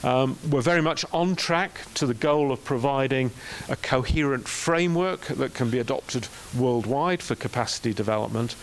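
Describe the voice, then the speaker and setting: A man closes out a conference presentation in a measured way, filling his pauses with ums. His voice sits at a middle pitch, with a faint hiss behind him.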